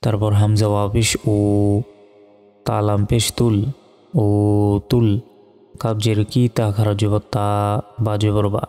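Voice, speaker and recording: A man teaching Quran reading, slowly spelling out Arabic letter by letter and reciting the verses in a drawn-out, melodic way. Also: fairly low pitch, little pitch movement, mellow, big-room sound, faint music behind.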